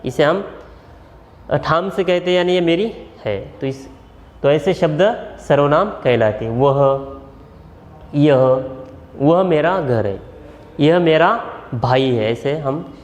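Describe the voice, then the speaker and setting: A male school teacher with a Marathi accent, giving a grammar lesson and repeating each example slowly, step by step. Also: a little high. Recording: echoey room with long reverb.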